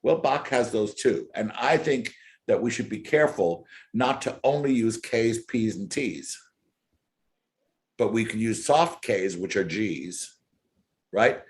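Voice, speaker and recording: A man's voice: lowish voice, takes it slowly. A man teaching a violin masterclass, earnest and emphatic, often repeating his key words. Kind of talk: masterclass coaching. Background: faint violin playing.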